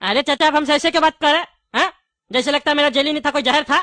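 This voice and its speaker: A woman's voice: high voice, pushed and bright, dry recording, shouting. A woman voicing a chatty, wary male candy shopkeeper in a cartoon. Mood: indignant. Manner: chatty, wary, quick to take offence. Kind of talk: cartoon voice acting.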